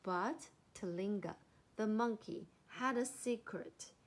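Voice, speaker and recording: A woman reading a children's animal story aloud, slow and expressive. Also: mid-range voice.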